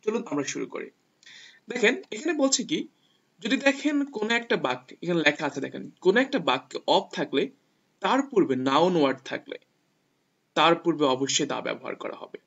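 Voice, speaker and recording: A man's voice: on the high side, sing-song, normal speed, gravelly, a bit bright, breathy edge. A man teaching English grammar to viewers, patiently repeating each rule step by step. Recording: dull lo-fi sound.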